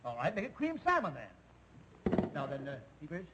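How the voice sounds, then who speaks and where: A man's voice: a little high, huge pitch swings, normal speed. A man playing a jovial, easily distracted school principal in a 1950s TV sitcom, talking in a hearty, chummy way. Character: jovial, scatterbrained middle-aged male principal. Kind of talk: 1950s live TV sitcom acting. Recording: faintly hissy old television recording.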